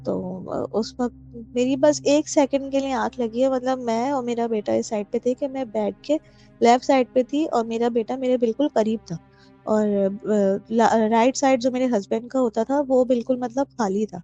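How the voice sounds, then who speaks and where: A woman from Pakistan recounts a true haunting in a fairly high but mellow, soft-edged voice, hesitating often and mixing in English words. She comes through a dull lo-fi phone voice note with faint music underneath. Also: steady tone. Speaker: caller sharing a personal story. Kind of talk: telling a true ghost story.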